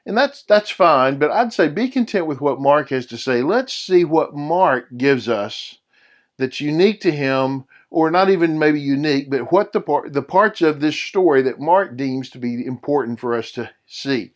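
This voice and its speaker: A man's voice: on the high side, animated, normal speed. A middle-aged man teaching a Bible study lesson in a conversational way, often checking in with his listeners.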